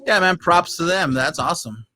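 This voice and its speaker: Higher-pitched man in slangy, griping chat. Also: lively intonation, moderate pace, sharp tone, dry recording, studio quality. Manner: slangy, conversational, griping with rhetorical questions. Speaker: talk show host. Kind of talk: casual chat and ranting about pet peeves.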